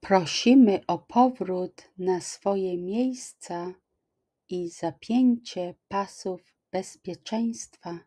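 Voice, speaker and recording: A middle-aged woman teaching language, repeating each phrase slowly and clearly, at home on a webcam. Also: medium pitch, mellow. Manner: slow, careful, clearly articulated repetition. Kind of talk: extra slow language lesson, repeating phrases.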